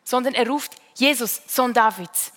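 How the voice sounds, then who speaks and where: A woman from around Bern gives a sermon with a Swiss German accent, talking to her listeners like in a conversation. Her voice sits a little high, and it carries a long reverb as if it were spoken in a large hall. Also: measured pace, fairly bright tone. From Switzerland, Bern region. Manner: conversational, tag questions. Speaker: preacher.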